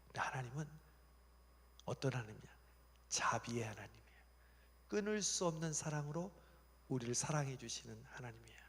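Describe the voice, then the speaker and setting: A man's voice: medium pitch, expressive, brisk, pauses often. A male pastor preaching a youth service sermon in a church sanctuary, telling the story with animation and sometimes dropping to a whisper. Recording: long reverb of a church hall.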